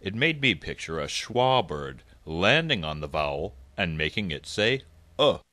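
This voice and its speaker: A man voicing a deep, animated word buff. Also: unhurried, no echo, heavily acted. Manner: animated storytelling. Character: cheerful man who loves word history.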